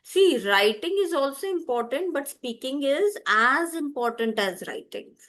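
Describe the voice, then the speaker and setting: A woman teaching vocabulary, repeating each word slowly and clearly for learners. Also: sits high, expressive, fairly bright tone. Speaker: language teacher. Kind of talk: slow, deliberate vocabulary lesson.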